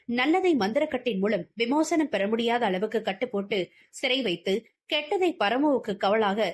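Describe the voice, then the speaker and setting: A woman's voice: fairly high pitch, a little hiss or hum. A woman reading a novel aloud as an audiobook narrator with dramatic storytelling.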